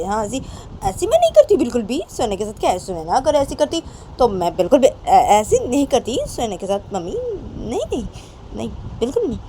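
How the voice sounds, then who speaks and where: A woman's voice: fairly high pitch, mellow, a little hiss or hum. A woman voicing a young woman who pleads and denies an accusation. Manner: pleading, denying. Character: young woman denying her mother's accusation.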